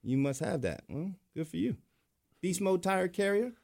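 A man's voice: sits high, animated, normal speed, gravelly, darkish tone. A man hosting a radio show, chatting casually with guests in a studio and laughing often.

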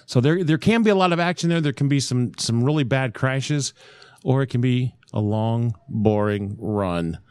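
A man co-hosting a casual sports podcast, rambling with many restarts and pauses to recall names. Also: mid-range voice, a little mellow, clean tone, no echo. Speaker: podcast co-host.

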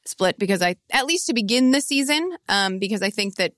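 A woman's voice: medium pitch, expressive, brisk, fairly bright tone, no echo, studio quality. A woman co-hosting a sports podcast in a playful, joking manner. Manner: playful, joking, laughs easily. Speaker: podcast co-host. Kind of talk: casual chat.

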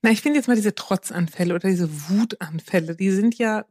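A woman co-hosting a parenting podcast, calmly explaining with everyday examples and acting out what a parent might say. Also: mid-range voice, brisk, dry recording, studio quality. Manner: calm, explains with examples, acts out quotes to a child. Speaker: podcast co-host giving parenting advice. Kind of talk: casual advice chat.

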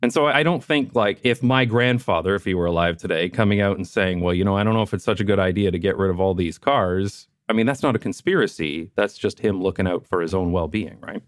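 A man from southwestern Ontario hosting a casual talk, reasoning things through in a relaxed way. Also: low voice, quick pace, hardly any pauses, no echo, clean studio sound. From southwestern Ontario, Canada. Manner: relaxed, explaining, reasoning aloud. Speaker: host. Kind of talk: casual conversation.

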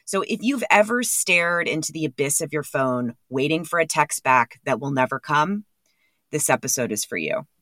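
A woman's voice: low voice, sing-song, normal speed, sharp tone, no echo, clean studio sound. A woman hosting a podcast, talking candidly and rambling with casual swearing. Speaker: podcast host. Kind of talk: candid monologue.

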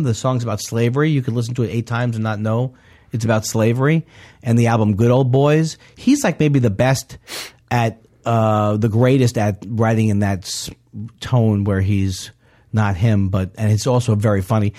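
A man talking casually as a guest, rambling with many restarts and halting phrases. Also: medium pitch, darkish tone. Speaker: comedian guest. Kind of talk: casual podcast conversation.

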